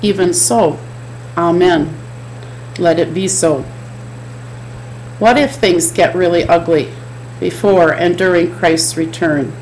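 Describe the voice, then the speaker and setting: A woman's voice: fairly low pitch, slow, long pauses, a little mellow, slight background noise, low-quality recording. A middle-aged woman giving a chapel sermon from a home office, speaking in an earnest, repetitive preaching cadence into a desk webcam. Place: home office with bookshelves, indoors.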